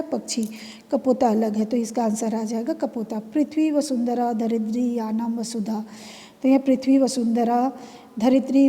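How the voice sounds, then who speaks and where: A patient woman teacher with a fairly high, mellow voice walks through exercise answers step by step, repeating key words as she goes. The recording carries a long reverb. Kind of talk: classroom lesson explaining exercise answers. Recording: long reverb, room echo.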